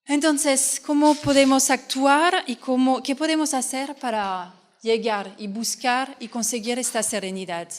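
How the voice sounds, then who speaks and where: This woman from France, a fertility coach, delivers an earnest talk in Spanish, her non-native language, with a French accent, in a hall at a fertility fair. Her high voice stays fairly even and a little slow, with hardly any pauses, as she explains and frequently restarts. The sound carries hall reverb.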